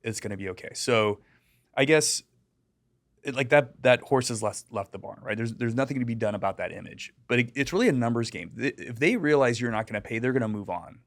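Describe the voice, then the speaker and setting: This is a middle-aged man from the United States, a deputy who educates people on digital safety. His mid-range voice moves a little fast as he tells stories in a casual interview, filling gaps with fillers and acting out the people he quotes.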